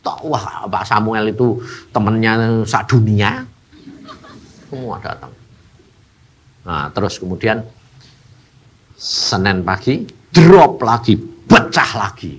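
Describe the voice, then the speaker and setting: A man preaching a sermon and telling a personal story, moving between hushed and loud passages and acting out the people in it. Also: fairly low pitch, lively intonation, slow, long pauses, a little hiss or hum. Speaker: evangelist preacher.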